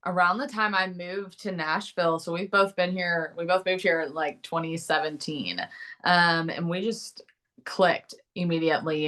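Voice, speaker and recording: An American woman speaks in a slightly low register. She chats casually as an interview guest, a country singer-songwriter with a sassy, giggly manner. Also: fairly bright tone.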